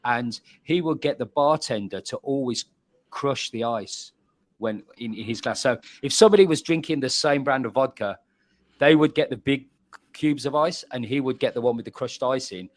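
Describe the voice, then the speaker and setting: A man, a pub and bar owner, chatting as a guest and telling animated stories, often repeating words. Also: medium pitch, normal speed, no room sound. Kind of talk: casual chat.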